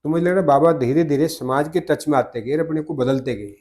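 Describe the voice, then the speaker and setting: Older man reminiscing in measured tones. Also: fairly high pitch, darkish tone. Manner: measured and reflective, with frequent self-corrections. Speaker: interview guest. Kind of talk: reminiscing conversation.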